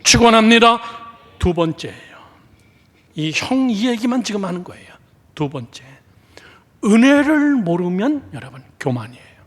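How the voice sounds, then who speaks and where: Impassioned Korean pastor, hall reverb. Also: male voice, high voice, sing-song, normal speed, pauses often, slightly rough. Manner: dramatic, swings from loud exclamations to hushed whispers; acts out quoted speech of biblical characters. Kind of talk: sermon. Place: church sanctuary.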